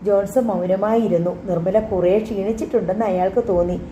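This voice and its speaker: Woman audiobook narrator, calm measured storytelling, mellow tone, roomy slightly dull recording. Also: mid-range voice, slight background noise. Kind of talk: scripted narration.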